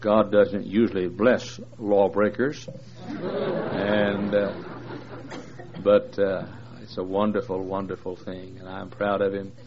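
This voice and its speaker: Slow-paced and low-pitched, with little movement in his pitch, a man in his sixties preaches as a visitor to a large congregation in a big church. His folksy joking is laced with fillers. The recording is dull, lo-fi, and faintly noisy.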